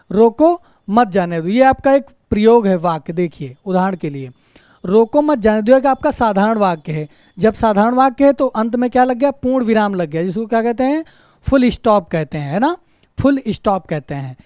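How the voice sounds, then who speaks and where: His voice is very high, darkish and clean, captured dry in a clean studio. During an online Hindi grammar lecture for exam prep, he poses and answers his own rhetorical questions, repeats key points and phrases for emphasis, and keeps checking on his students.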